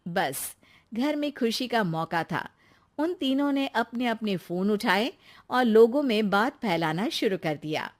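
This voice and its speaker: A woman narrating a cartoon story in a slow, measured storytelling manner. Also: a little high, lively intonation.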